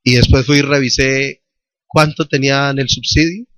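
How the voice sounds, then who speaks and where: A male pastor with a Colombian Spanish accent preaches in a church hall, his mid-range voice keeping a fairly even intonation at a moderate pace with no echo. He tells a personal testimony using quoted dialogue, then rises into fervent call-and-response, calling out questions to the congregation. Loud worship music fills the church recording.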